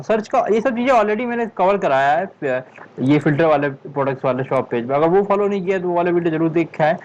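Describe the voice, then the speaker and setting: A man teaching a coding tutorial at a slow, deliberate pace, thinking aloud and muttering to himself when stuck. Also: on the high side, darkish tone, dull audio, slight background noise. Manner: thinks aloud, frustrated muttering "yaar", frequent "theek hai"; speaks slowly on purpose. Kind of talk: screen-recorded coding tutorial.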